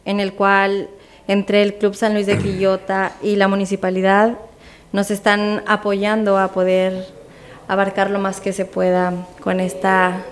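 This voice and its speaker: A woman from Guanajuato, Mexico, speaks conversationally with a Mexican accent as a radio interview guest promoting a charity campaign. Her voice is mid-range, with slight background noise.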